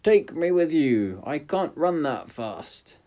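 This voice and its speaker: A small, persistent frog voiced by a man in a storybook, calling out in a raised, high voice. The delivery is slow and mellow beneath the pleading. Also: sing-song. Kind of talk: storybook reading.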